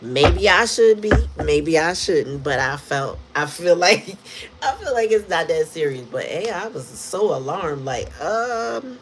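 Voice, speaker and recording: A woman's voice: fairly low pitch, animated, a little slow, faint music behind, rough recording. A woman giving a casual tarot reading, telling stories in slangy talk and laughing often. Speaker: tarot reader.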